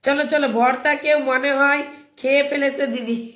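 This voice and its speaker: A woman hosting a casual live stream, hoarse from a cold, brisk and coaxing as she keeps urging viewers on. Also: high voice, fairly even intonation, a bit bright. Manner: brisk, coaxing, keeps repeating calls to act. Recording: roomy echo.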